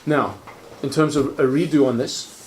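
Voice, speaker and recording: A man chairing a council meeting, calling votes in a procedural, brisk manner with wry asides. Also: fairly high pitch, slight background noise.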